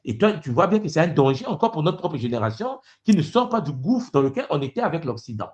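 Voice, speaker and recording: A man's voice: a little high, very animated, fast talker, darkish tone, muffled recording. A man hosting a conversation, pressing his points and often cutting in to steer the talk. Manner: probing, interrupts to press a point. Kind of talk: conversational debate.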